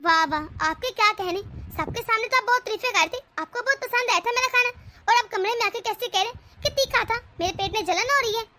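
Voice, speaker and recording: Animated cartoon: a sharp-tongued young wife, very high and bright, defiant and scolding, played by a woman. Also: quick pace, slight background noise. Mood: indignant. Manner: indignant, scolding.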